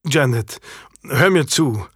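A man playing a guarded, gruff medieval lord in an audiobook, speaking curtly and low. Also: animated, takes it slowly, a bit bright, dry recording, studio quality, exaggerated voice. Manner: curt and gruff, low and muttering. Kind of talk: audiobook character reading.

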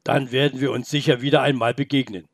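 A man voicing a calm, curious male wolf with a rough, gravelly voice, speaking slowly in a storybook reading. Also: mid-range voice, dry recording, studio quality.

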